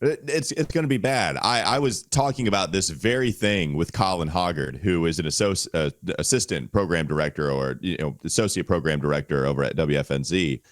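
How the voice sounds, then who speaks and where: A male sports podcast co-host with a low voice talks casually about sports, speaking a little fast with hardly any pauses. He's under the weather, so his voice is strained and quiet as he holds it back, and he delivers his lines with wry, exaggerated gloom. The studio sound is clean, with no room sound.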